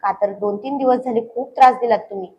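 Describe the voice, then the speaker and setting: A woman's voice: on the high side, fast talker, highs cut off, a little hiss or hum, close to an everyday voice. A lovestruck teasing young husband, as a woman reads him. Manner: playful scolding, affectionate.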